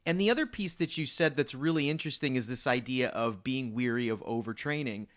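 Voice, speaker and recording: A man's voice: medium pitch, fairly quick, fairly bright tone. A man hosting a podcast, chatting casually and energetically with a guest and now and then swearing. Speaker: podcast host, jiu-jitsu coach.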